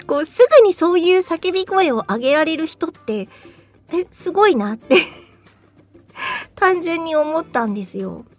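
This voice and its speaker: A woman's voice: high voice, dry recording. A voice actress chatting casually on her own show, laughing easily and now and then acting out a scream. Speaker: voice actress hosting a talk show. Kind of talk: casual solo chat.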